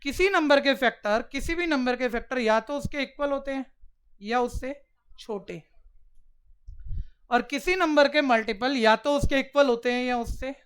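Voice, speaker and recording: A man teaching maths to a class, coaxing the pupils along with quick direct questions. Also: very high voice, fairly bright tone, clear, resonant tone. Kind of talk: classroom lecture.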